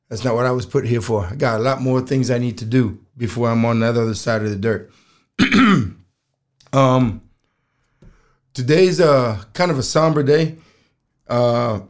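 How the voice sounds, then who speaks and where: A man talks casually as a solo podcast host. His voice is rough and strained, with frequent throat clearing. He tells his story plainly, in halting phrases with pauses. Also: medium pitch.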